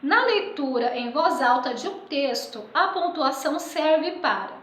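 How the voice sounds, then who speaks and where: A woman teaching a remote school lesson, patiently checking in with her pupils and reading example sentences aloud with lively expression. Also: sits high, a little slow, echoey room, low-quality recording. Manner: patient, checks in often with "tudo bem?". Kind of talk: remote school lesson going through exercises.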